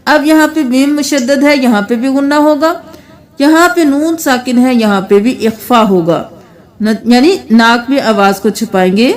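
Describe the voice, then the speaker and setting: A woman teaching Quran recitation, patiently explaining the rules and spelling words out slowly, letter by letter. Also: sits high. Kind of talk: Quran reading lesson.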